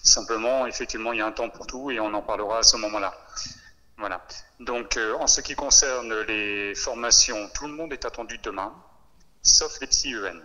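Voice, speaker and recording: Man on speakerphone, sharp bright tone with a long hall echo, formal and hesitant briefing. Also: fairly low pitch. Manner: hesitant, with many filler pauses. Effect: heard over a phone on speakerphone. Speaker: education official addressing trainee teachers. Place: relayed into a meeting room over a speakerphone. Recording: phone on speakerphone with long room reverb.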